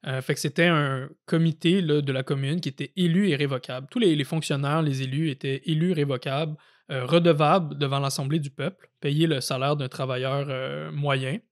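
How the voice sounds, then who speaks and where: A man with a Québécois French accent, co-hosting a casual podcast and explaining political history, often pausing on fillers and restarts as he thinks aloud. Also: a little high, steady tone. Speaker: podcast co-host. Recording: audio-only podcast.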